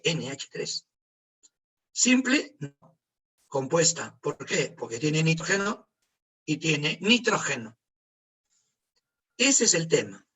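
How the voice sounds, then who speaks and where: A man teaching an online chemistry class fires questions at his students, then answers them himself with joking asides. His voice is slightly high, husky and a bit bright. Through the computer mic on the video call he sounds distant, as if sitting back from it.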